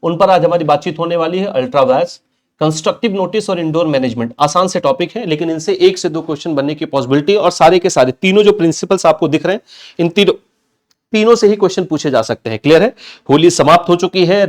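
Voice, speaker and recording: Chatty teacher, slightly high voice. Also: male voice, quick pace. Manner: chatty, repeats points and checks in with students. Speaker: exam prep teacher. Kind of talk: online banking law lecture.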